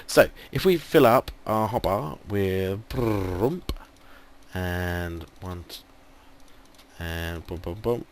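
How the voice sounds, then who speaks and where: An English gaming video host gives casual let's play commentary, musing aloud with many ums as his voice gives out. He speaks slowly in a deep voice, with slight background noise in the clip.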